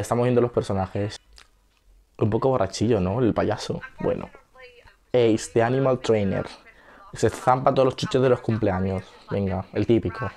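A young man with a Spain Spanish accent giving chatty reaction commentary, now and then breaking into high squeals and gasps. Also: dark tone. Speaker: video reactor.

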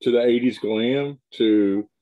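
Speaking slowly at medium pitch, a middle-aged man hosts a video-call interview from a home room with shelves of collectibles. His talk is loose with frequent restarts, and the audio sounds dull.

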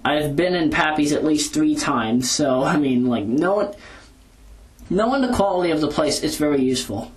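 A video blogger rambles casually into a handheld recorder that moves back and forth, hesitating and correcting himself as he goes. The mid-range voice is expressive and moves at normal speed.

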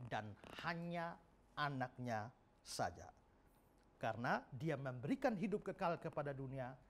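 A middle-aged man, a pastor, giving an emphatic Bible teaching and acting out quoted speech. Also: medium pitch.

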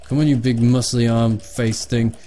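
A man's voice: mid-range voice, little pitch movement, moderate pace, slight background noise. Exasperated man swearing at a game. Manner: exasperated, swearing, loud outbursts. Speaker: let's play host. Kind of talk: casual game commentary.

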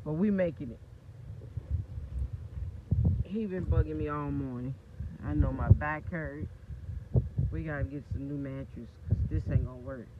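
A woman's voice: sits low, normal speed, long pauses. Chatty woman on a tinny phone. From Clarksville, Tennessee, US. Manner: chatty, loose and animated. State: getting over a cold. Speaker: vlog host. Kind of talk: casual vlog chat. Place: outdoors, in a moving vehicle and on a breezy deck. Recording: tinny phone audio with loud wind and road noise.

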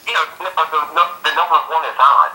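A man's voice: fairly high pitch, moderate pace, sharp tone. A man on a speakerphone call, a joking, rambling storyteller chatting casually with friends. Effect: heard over a speakerphone. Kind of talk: casual phone chat. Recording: echoey speakerphone audio.

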